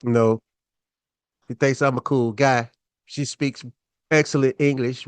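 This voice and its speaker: A man's voice: medium pitch, smooth, dry recording. A man hosting his own show, telling a personal story in a laid-back, chatty way with lots of fillers.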